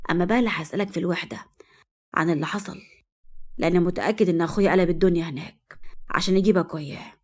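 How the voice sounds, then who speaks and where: Woman playing a commanding Egyptian young man in a storybook drama, quiet and threatening. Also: very fast, long pauses, lightly acted. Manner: low, hushed, threatening.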